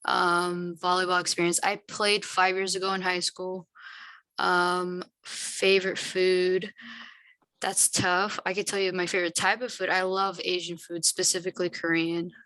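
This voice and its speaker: Young woman student from San Diego, easygoing, low-ish and monotone. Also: unhurried, no room sound. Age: young adult. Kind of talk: self-introduction on a video call.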